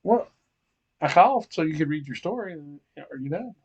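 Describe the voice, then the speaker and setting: A man's voice: on the high side, animated, normal speed, darkish tone, slightly rough, highs cut off. A middle-aged man co-hosting a podcast, teasing his daughter and laughing a lot during joking banter. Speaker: podcast co-host.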